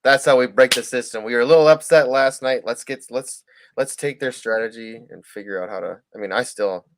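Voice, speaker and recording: A man's voice: medium pitch, a little fast. A man from Charleston, South Carolina, co-hosting a fantasy sports show in loose, rambling talk with casual swearing. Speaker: fantasy sports podcast co-host. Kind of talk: casual chat.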